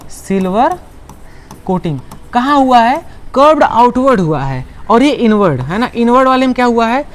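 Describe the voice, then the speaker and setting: A man's voice: very high voice, big pitch swings, brisk. A male teacher giving an online class lecture. He asks his students questions, answers them himself, and repeats key words to make them stick.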